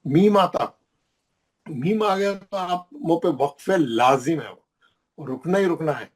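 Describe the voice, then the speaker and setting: A man's voice: a little high, slow. A man teaching a recitation class, explaining rules with emphatic repetition and pointing things out on the page.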